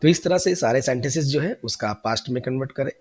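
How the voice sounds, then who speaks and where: A man teaching an English grammar lesson, explaining patiently and repeating example sentences slowly. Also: mid-range voice, animated, a little mellow. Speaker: English tutor.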